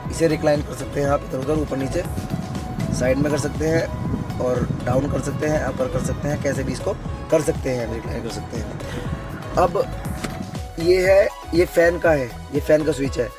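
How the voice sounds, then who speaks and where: A hoarse man, a vlogger, giving a casual how-to demonstration from inside a car. He keeps turning to his viewers with "friends" and "okay". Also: fairly high pitch, normal speed, long pauses, music in the background, poor audio.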